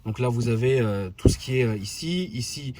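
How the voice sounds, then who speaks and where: A man's voice: mid-range voice, normal speed, a little hiss or hum. Chatty man vlogging about his car. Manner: chatty, animated, full of fillers. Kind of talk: casual vlog storytelling and car demo.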